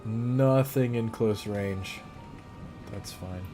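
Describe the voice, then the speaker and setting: Slow, low-voiced man thinking aloud. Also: music in the background. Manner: thinking aloud, relaxed, muttering plans. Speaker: gamer. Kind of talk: casual gameplay commentary.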